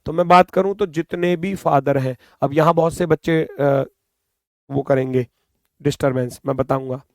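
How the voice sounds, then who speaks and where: A man's voice: a little high, steady tone, moderate pace, darkish tone, dry recording, clean studio sound. A man with a Hindi accent teaching a recorded exam-prep reasoning class, repeating points and coaxing his students. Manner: repetitive, coaxing, addresses students as bhai and beta.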